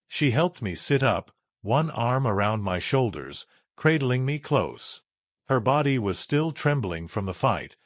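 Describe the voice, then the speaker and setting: Slow, lively male storyteller. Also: mid-range voice, dry recording, studio quality. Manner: measured, dramatic storytelling. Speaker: narrator. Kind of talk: scripted first-person sci-fi narration.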